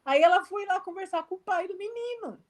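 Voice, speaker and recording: High-voiced Brazilian woman, chatty. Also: animated, brisk. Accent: Brazilian Portuguese. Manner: chatty, many fillers like "né" and "assim", acts out quoted dialogue. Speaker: guest, missionary. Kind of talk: casual testimony in a live video chat. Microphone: video call.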